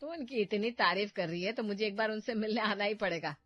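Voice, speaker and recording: A woman voicing a domineering, scheming middle-aged mother in a cartoon story, loud and scolding. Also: medium pitch, brisk, muffled recording, soft background music, lightly acted. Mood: sweetly scheming.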